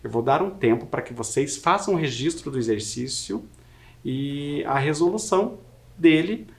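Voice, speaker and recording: A man with a Brazilian Portuguese accent teaching an adult-education Portuguese lesson, repeating words slowly to model pronunciation. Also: mid-range voice, expressive, gravelly. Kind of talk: recorded video lesson.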